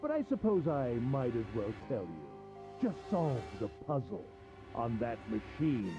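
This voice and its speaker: An actor playing a sinister adult gentleman villain in a video game, falsely polite, taunting and cruel. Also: mid-range voice, wildly swooping pitch, unhurried, over music.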